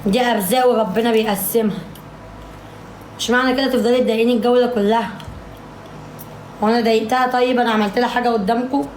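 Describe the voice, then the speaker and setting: A woman's voice: fairly high pitch, fairly even intonation, fast, pauses often, darkish tone, a little hiss or hum. A woman with an Egyptian Arabic accent chatting on a casual livestream, bickering and complaining at her viewers. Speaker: live streamer. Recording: echoey room.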